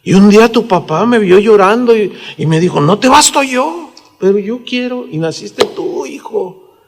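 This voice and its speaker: Tender older biblical mother, played by a Mexican preacher, soft storytelling, high pitch, echoey hall. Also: expressive, moderate pace, vocal fry, full character voice. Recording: reverberant hall.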